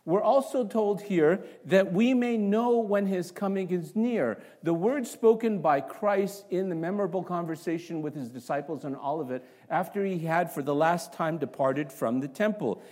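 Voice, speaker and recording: A man from Canada preaching a sermon to a congregation in a church, opening with a quiet prayer, then asking the listeners one rhetorical question after another in an animated way. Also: high voice, normal speed, few pauses. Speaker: pastor.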